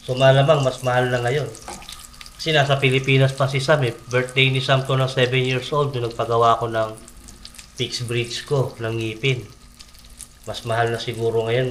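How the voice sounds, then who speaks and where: While cooking in his home kitchen, a Filipino vlogger chats casually and informally with his viewers. His mid-range voice is a bit bright, with a slight lisp from missing front teeth, and there's a little hiss or hum in the audio.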